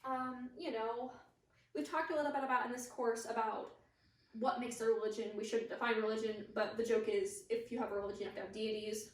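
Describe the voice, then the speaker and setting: A woman's voice: a little high, fairly even intonation, brisk. A young woman with a Midwestern accent giving a casual class presentation, chatty and hesitant, with many fillers and self-deprecating asides. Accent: Midwestern American. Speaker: student presenter. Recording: echoey room, mic far off.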